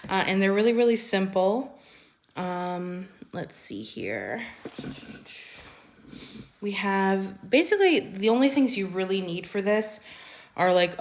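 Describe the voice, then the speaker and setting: A woman's voice: mid-range voice, a little hiss or hum, low-quality recording. A young woman hosting a live-streamed cooking class, chatty and rambling, with frequent ums and self-corrections.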